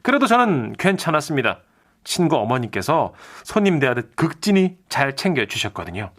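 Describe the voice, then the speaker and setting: A man's voice: mid-range voice, moderate pace. Man reading a listener's letter. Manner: storytelling narration, polite and even. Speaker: radio DJ.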